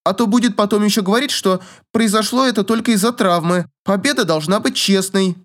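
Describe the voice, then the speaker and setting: A man's voice: sits high, a little fast, a bit bright, pitched above the performer's own voice. A man voicing a proud, indignant young noblewoman in an audiobook, with huffing, squealing protests. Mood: defensive. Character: haughty proud young noblewoman, quick to huff.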